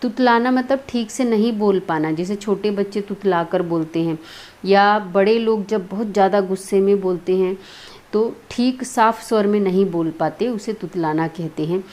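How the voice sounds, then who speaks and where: A woman's voice: medium pitch, moderate pace, darkish tone. Woman teacher explaining a lesson. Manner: explains word meanings step by step.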